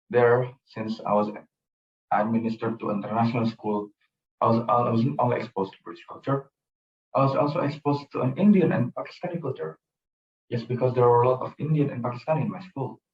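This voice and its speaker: Young man telling his story. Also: medium pitch. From Indonesia. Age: young adult. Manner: earnest, storytelling, repeats phrases. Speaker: student presenter. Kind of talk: personal presentation talk. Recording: roomy, distant, dull sound.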